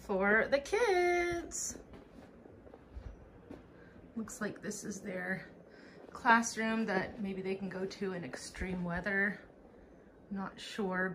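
A woman's voice: medium pitch, pushed and bright, a little hiss or hum. A woman giving a casual, chatty walking tour of an outdoor school, a bit out of breath, exclaiming at what she finds. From United States. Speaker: vlogger touring a school. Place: outdoors at a wooded farm school.

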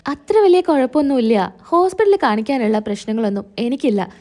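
A woman voicing a gentle, hurt young wife. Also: sits high, lively intonation, a little fast. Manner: pleading, soft, hurt.

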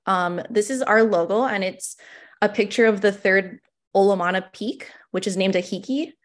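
A woman's voice: medium pitch, moderate pace. A woman in her twenties from Hawaii, a small farm owner giving a conference presentation over a video call, talking casually with many fillers. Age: 20s.

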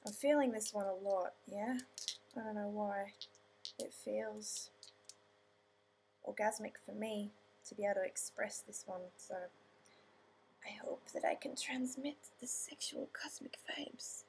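A young singer-songwriter vlogger sits close to her webcam in a small, dim room, chatting dreamily and playfully about her new song and singing a demo. Her mid-range voice is a little mellow and slightly scratchy, unhurried, with frequent pauses.

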